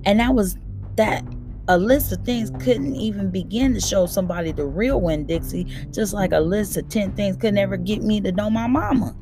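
A woman reading a children's novel aloud in a steady, plain storytelling manner. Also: medium pitch, normal speed, music in the background. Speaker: audiobook reader.

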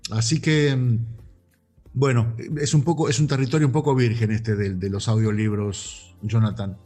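Argentine voice actor, fifties, lively storyteller, music faintly behind. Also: male voice, mid-range voice, normal speed. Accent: Rioplatense Argentine Spanish. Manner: animated, gesturing storyteller. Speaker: voice actor guest. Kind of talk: casual interview over a call.

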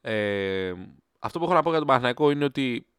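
A man hosting a football podcast alone, ranting in a heated, sarcastic way, his voice leaping upward whenever he gets worked up. His tone is smooth and clear, set in a dry, close space with no room sound. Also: mid-range voice, lively intonation, a bit bright, no room sound. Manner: heated, sarcastic, voice jumping up when riled. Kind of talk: solo football podcast rant.

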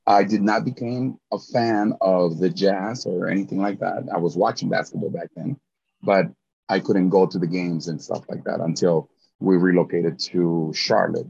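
A middle-aged man from Mexico, speaking with a Mexican Spanish accent, chats enthusiastically as a guest in a casual interview, often repeating words when beginning a thought. His deep voice is gravelly, husky and a little mellow, with fairly even intonation at normal speed. The sound is dull and lo-fi.

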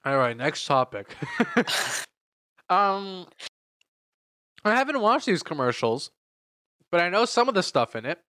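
A man's voice: sits high, sing-song, moderate pace, pauses often, bright, forceful tone, no room sound, clean studio sound. A man co-hosting a casual chat, loose and talkative, often eating while he speaks. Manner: chatty, eats while talking, laughs often. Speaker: podcast co-host.

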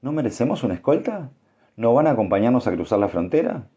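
Baita, a man putting on a sharp young woman. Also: lowish voice, sing-song, moderate pace. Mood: questioning. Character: sharp-tongued young woman space traveler.

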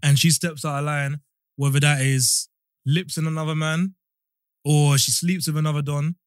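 A man's voice: fairly high pitch, flat delivery, moderate pace, clean tone, no room sound, studio quality. A man in his mid-twenties with a London roadman accent, chatting casually in an emphatic, slangy way and repeating himself. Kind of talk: casual chat.

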